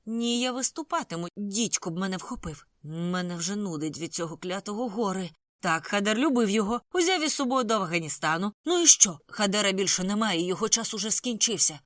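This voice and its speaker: A reader doing a hot-tempered young man who hurls insults. His voice climbs high and loud with each outburst, all of it in a dry, close audiobook recording. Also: lively intonation, fairly quick, few pauses, no echo, lightly acted. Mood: furious. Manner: shouting, indignant, high-pitched outbursts.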